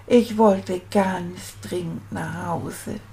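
A woman voicing a homesick little boy rat who slowly confides his story to children. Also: fairly low pitch, steady tone, dark tone. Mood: wistful.

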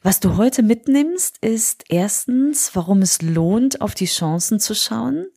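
A woman in her forties who has a cold hosts a solo motivational podcast while on holiday, recording indoors. She speaks earnestly and encouragingly to the listener in a mid-range, husky, warm voice with vocal fry, expressive and slow-paced.

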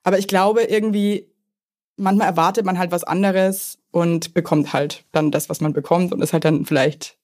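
A woman's voice: fairly low pitch, steady tone, moderate pace, a little mellow. A woman in her thirties hosting a podcast, chatting in a candid, blunt and jokey way with lots of slang. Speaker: podcast host. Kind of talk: casual chat.

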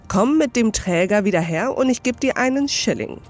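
A woman voicing a gleefully reformed elderly male miser with an excited, chuckling delivery in an audiobook reading. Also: a little high, normal speed, faint music behind.

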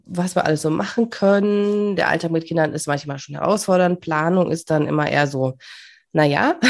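A woman hosting a podcast in a chatty, casual way. She laughs often and restarts her words as she talks. Her voice sits at a middle pitch. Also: a little mellow. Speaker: podcast host.

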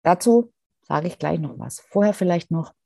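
A woman hosting a solo podcast, speaking thoughtfully and directly to the listener, pausing often with fillers. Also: fairly low pitch, lively intonation, gravelly, dark tone, no echo, studio quality. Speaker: podcast host. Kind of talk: reflective solo podcast talk.

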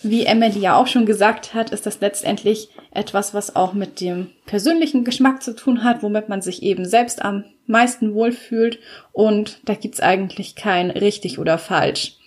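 A woman podcast host who reads a novel excerpt aloud, then closes the episode with an even, friendly address to her listeners. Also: medium pitch, moderate pace.

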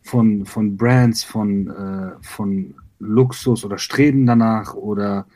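A man from Iran, a rapper being interviewed, talking reflectively with many pauses, fillers and repeated words. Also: on the low side, steady tone, warm tone. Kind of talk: conversational interview.

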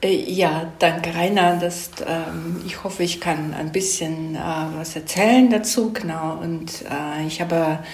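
As an interview guest, a woman explains things casually but thoughtfully, hesitating, correcting herself, and using tag questions to seek agreement. Her voice is low with fairly even intonation, unhurried and nearly pause-free, and the recording has a roomy echo.

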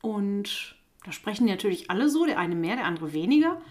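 A woman from the Ruhr area co-hosting a podcast, chatting casually over drinks, teasing and quick to steer the talk with short interjections. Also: medium pitch, very animated, darkish tone. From Ruhr area, Germany. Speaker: podcast co-host.

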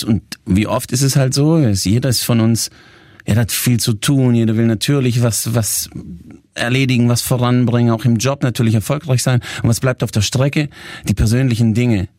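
A man's voice: medium pitch, darkish tone, dry recording, studio quality. A male coach speaking to viewers, talking in strings of questions and explaining his points. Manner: talks in strings of questions, acts out people's vague answers. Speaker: coach and trainer.

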